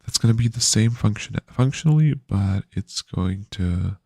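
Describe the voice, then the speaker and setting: A man's voice: lowish voice, animated, moderate pace, creaky, a little mellow, slightly rough, dry recording, studio quality. A man streaming his game development work, talking casually and sleepily with many fillers and restarts. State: yawny. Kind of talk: casual live-stream devlog.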